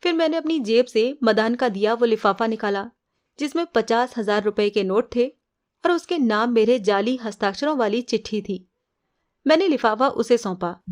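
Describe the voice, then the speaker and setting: A woman narrating a detective novel in the first person with a measured, unhurried storytelling manner. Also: fairly high pitch, a little mellow. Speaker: audiobook narrator.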